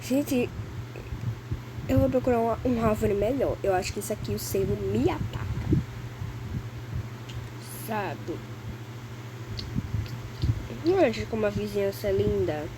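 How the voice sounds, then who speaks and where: A woman's voice: medium pitch, lively intonation, a little slow, long pauses, background noise. A Brazilian woman narrating her own gameplay in a chatty, anxious way, constantly calling out to her viewers. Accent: Brazilian Portuguese. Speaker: gamer. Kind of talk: let's play commentary.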